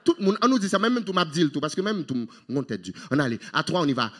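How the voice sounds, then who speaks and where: A man preaching a sermon as pastor, animated, with sudden high exclamations and English phrases mixed in. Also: fast.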